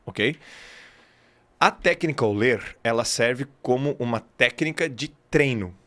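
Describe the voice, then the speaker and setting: A man in a casual podcast conversation, explaining his ideas as an English teacher. He talks emphatically and animatedly, mixing in plenty of casual slang. His voice sits in an average pitch. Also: lively intonation, a little slow, pushed and bright.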